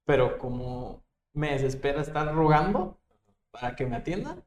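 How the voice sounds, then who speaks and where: A young man with a Mexican accent, co-hosting a podcast in relaxed, slangy casual chat. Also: on the high side, normal speed. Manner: laid-back, slangy. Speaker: podcast co-host. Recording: echoey room with faint noise.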